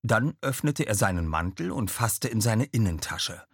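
A man reading a fantasy story aloud in expressive scripted narration. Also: lowish voice, normal speed, slightly rough, dry recording. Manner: expressive storytelling, slips into character voices. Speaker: audiobook narrator.

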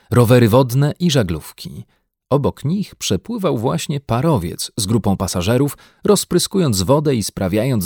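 A man narrating a children's audiobook in an expressive, animated storytelling manner. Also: on the low side, husky, no echo, clean studio sound. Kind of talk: scripted narration.

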